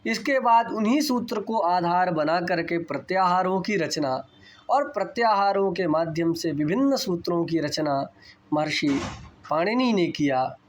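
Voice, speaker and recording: A man lecturing on Sanskrit grammar, explaining terms deliberately and repeating key points for his students. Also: a little high, a little hiss or hum.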